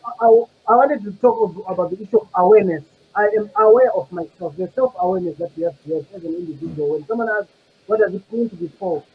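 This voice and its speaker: Man panelist with a high voice, halting and reflective, muffled lo-fi audio. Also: husky. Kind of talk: casual panel discussion.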